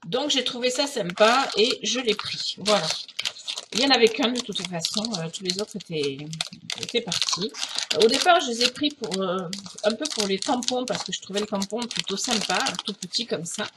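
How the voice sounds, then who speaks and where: A woman's voice: medium pitch, lively intonation, moderate pace, heavy background noise. A middle-aged woman from France chatting casually through a craft haul, hesitant, with many fillers and restarts. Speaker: craft vlogger.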